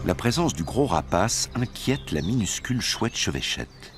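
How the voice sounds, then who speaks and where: A man's voice: on the low side, very animated, a little slow, soft background music. A man reading scripted narration as the narrator of a nature documentary.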